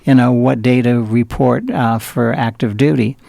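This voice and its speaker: A man's voice: mid-range voice, steady tone, normal speed, creaky, warm tone, no echo. An older man from Southern California, a guest in an interview, telling rambling stories with many fillers and restarts. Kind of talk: interview storytelling.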